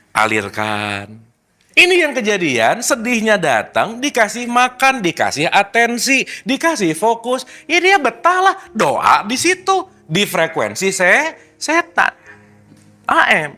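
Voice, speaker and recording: Lively man teaching a group. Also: extremely high pitch, a little slow. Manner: lively, teasing, full of rhetorical questions. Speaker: spiritual teacher. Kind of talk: informal spiritual talk to a group.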